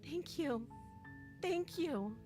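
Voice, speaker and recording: A young captive princess in a video game, with a very sweet cartoon princess manner. The voice is high, gentle and plaintive. Loud music plays underneath. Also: female voice, animated, drawn-out words, full character voice. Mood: sweet, hopeful.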